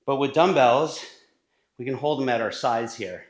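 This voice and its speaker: A man coaching a leg workout in his own home gym, talking casually as he demonstrates each move. He sits at an ordinary middle pitch and sometimes drifts away from the camera mic. The room around him is bare and echoey. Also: normal speed. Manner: casual, coaching while exercising, sometimes short of breath. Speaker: fitness coach. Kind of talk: workout instruction.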